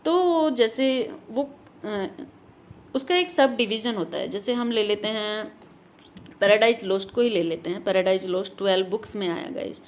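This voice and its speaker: A woman teacher running an exam revision class on literary terms, mixing Hindi and English, reading English definitions slowly and often adding "guys". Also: medium pitch. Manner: often adds "guys" and "theek hai".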